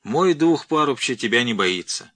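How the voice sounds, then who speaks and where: Man voicing an old male professor, commanding, booming, scolding, fearless, audiobook figure. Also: animated, normal speed, a bit bright, lightly acted.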